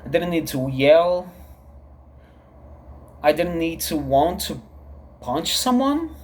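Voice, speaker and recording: A Brazilian man in his thirties, a native Portuguese speaker with a Brazilian accent, records himself on camera for a confessional solo vlog on his channel. His voice is on the high side with big pitch swings, and his speech is halting and heavy, often repeating itself.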